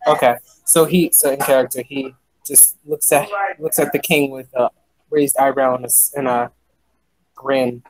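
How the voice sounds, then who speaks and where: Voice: medium pitch, flat delivery, moderate pace, rough recording. A player in a tabletop game, hesitant, voicing their character and stopping often to restart. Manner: hesitant, many fillers and restarts.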